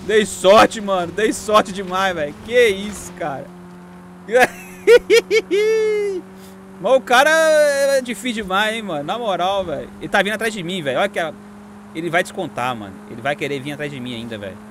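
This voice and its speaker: A young Brazilian man with a Brazilian Portuguese accent, chatting excitedly and slangily while playing a racing game. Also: sits high, normal speed. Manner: excitable, chatty, slangy, calls himself to calm down. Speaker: gaming YouTuber. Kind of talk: excited gameplay commentary. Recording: game audio noise behind.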